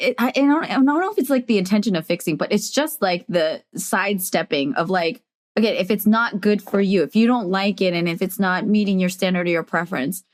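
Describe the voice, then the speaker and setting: A woman's voice: medium pitch, a little fast. Sniffly, chatty woman podcast host. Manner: affirming, chatty, full of filler "like". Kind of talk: casual interview chat.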